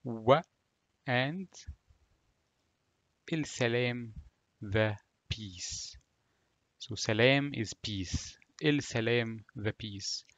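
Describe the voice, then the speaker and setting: A man with an Egyptian Arabic accent, a native Arabic speaker, giving a language lesson in a deliberate, word-by-word manner. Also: medium pitch, fairly bright tone, dry recording. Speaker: language teacher. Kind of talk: language lesson, slow explanation with repeated phrases.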